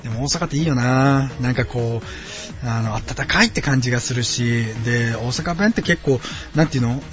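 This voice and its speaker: A man's voice: mid-range voice, normal speed, highs cut off. Late-30s man from Osaka for a homemade podcast: friendly, rambling, filler-heavy, over faint background music. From Osaka, Japan. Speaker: podcast host. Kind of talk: casual solo podcast chat. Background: quiet background music.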